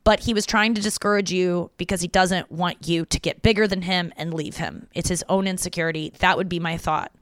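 Dry, smooth-voiced woman podcaster. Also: lowish voice, steady tone, a little fast, few pauses, a bit bright, no echo. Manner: chatty, frank and profane, reading listener messages aloud. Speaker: podcast host. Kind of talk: casual chat.

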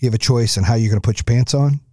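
A man's voice: medium pitch, racing, warm tone, no echo. A middle-aged man hosting his own podcast, talking on his own in a blunt, profane, rambling way with lots of fillers, close to the mic. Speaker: podcast host. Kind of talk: casual solo podcast talk. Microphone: close studio mic.

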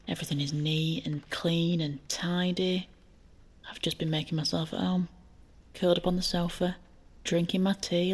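A woman playing a sly, unhurried voice inside someone's head in an audio drama, casual, blunt and teasing. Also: fairly low pitch, a little mellow. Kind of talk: intimate audio drama acting with narration.

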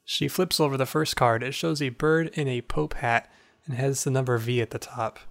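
A man's voice: medium pitch, steady tone, moderate pace, gravelly, no room sound, studio quality. A man reading game text aloud as narrator in a casual playthrough, without putting on character voices.

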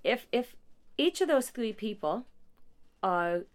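This director of a non-profit support agency has a smooth, fairly high, expressive voice and takes her time. Giving a conversational interview answer, she tells warm stories, often restarting and laughing softly.

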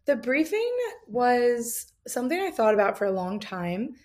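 A woman talking casually as an interview guest, a comedian who is earnest and expressive with a joking streak. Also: a little high, normal speed. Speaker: improv and stand-up comedian, guest.

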